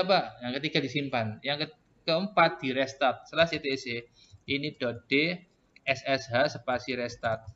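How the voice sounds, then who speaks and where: Bright-voiced teacher in a computer lab. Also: male voice, a little high. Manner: patient, step-by-step, repeats "Pak" often. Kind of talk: classroom tutorial with student questions. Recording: muffled lo-fi classroom recording.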